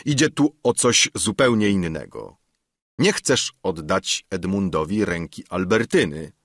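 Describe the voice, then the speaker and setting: A man voicing a stern old goldsmith sorcerer who speaks calmly and with quiet menace. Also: deep voice, dry recording, studio quality, exaggerated voice. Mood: calm, ominous. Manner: calm, measured, quietly threatening.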